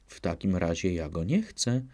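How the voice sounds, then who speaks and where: A vain widowed vixen from a storybook, picky about every suitor and demanding in her questions. A man puts her on with a fairly even, steady voice. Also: sits low, moderate pace, voice pushed down, exaggerated voice. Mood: haughty.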